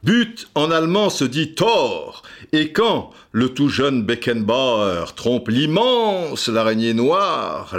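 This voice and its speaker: A man, the host of a podcast, giving lyrical scripted narration in a storytelling manner. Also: fairly low pitch.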